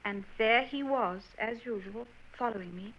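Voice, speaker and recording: A slightly high-voiced actress, lightly acting at a normal pace, plays a worried, earnest young Victorian woman with hesitant, genteel speech. This old 1940s radio drama comes through as a dull broadcast with slight background noise.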